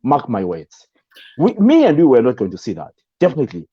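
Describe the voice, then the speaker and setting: A man's voice: mid-range voice, huge pitch swings, fairly quick, slightly rough, highs cut off. A man from Zimbabwe, a guest on an interview, talking in a hesitant way with many fillers and restarts. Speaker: guest, radio presenter. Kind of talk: interview conversation.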